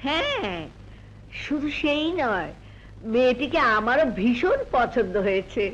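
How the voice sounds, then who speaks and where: A woman's voice: high voice, very animated, unhurried, highs cut off, slight background noise. An actress playing a village mother in a melodramatic film, scolding one son and soothing the other. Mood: tender. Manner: reproachful, then tender and soothing. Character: a stern but loving village mother. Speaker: mother of the brothers.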